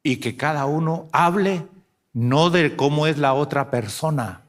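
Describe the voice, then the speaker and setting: Hombre predicador de voz aguda. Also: male voice, on the high side, a little slow. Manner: preaching with rhetorical questions, swings from loud to hushed. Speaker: pastor. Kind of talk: sermon.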